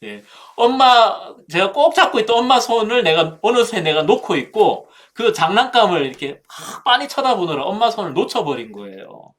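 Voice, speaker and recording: Lively storytelling Bible talk speaker. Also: mid-range voice, fairly quick, hardly any pauses. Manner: vivid storytelling with sound words; addresses listeners directly.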